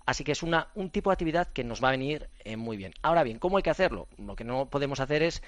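A middle-aged man from Spain, a former athlete and running coach, chatting on a radio show in an animated, storytelling way with lots of fillers and restarts. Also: mid-range voice, quick pace, dry recording. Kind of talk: casual radio chat.

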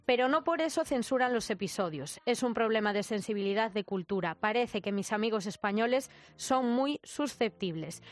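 A woman's voice: a little high, animated, normal speed, few pauses. A woman with a Spanish accent from Spain presenting a semi-scripted feature.

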